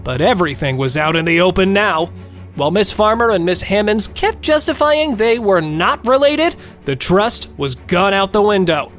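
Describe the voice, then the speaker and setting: A woman's voice: medium pitch, lively intonation, moderate pace, faint music behind. A woman narrating a scripted recap of a reality court show in a gossipy, theatrical, cheeky way, playing up the melodrama.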